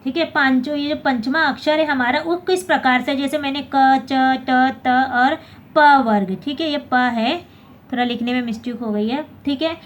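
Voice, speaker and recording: High-voiced woman teaching basic grammar. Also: normal speed, a little hiss or hum. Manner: repeats "theek hai" and checks with the class, corrects her own slips. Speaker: Hindi teacher. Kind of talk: explaining a basic grammar lesson.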